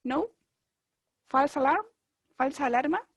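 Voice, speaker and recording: High-voiced woman teaching online. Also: lively intonation, no echo. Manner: encouraging, drills words slowly with frequent checks. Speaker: English teacher. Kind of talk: online language class. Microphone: video call.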